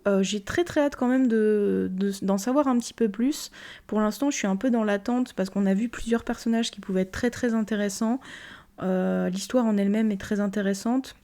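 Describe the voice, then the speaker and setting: A woman's voice: medium pitch, warm tone. A young woman casually reviewing anime, rambling with many fillers and repeated "very, very".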